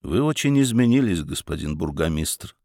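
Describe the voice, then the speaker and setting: A man reading as an aging baron who speaks quietly and steadily, with a melancholy edge. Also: low voice, very animated, moderate pace, gravelly, no echo, studio quality, voice pushed down, heavily acted. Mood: wry. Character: aging male baron, calm, stubborn, wistful.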